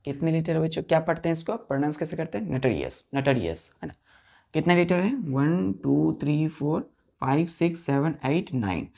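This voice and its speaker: Teaching English words to a class, this Indian-accented woman spells each one letter by letter and repeats questions for her students. She has a deep, creaky, mellow voice with lively intonation and a moderate pace.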